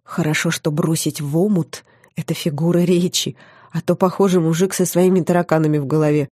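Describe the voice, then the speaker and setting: A woman narrating a first-person fantasy audiobook with wry, lively storytelling. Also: low-pitched, fairly quick, no echo, studio quality.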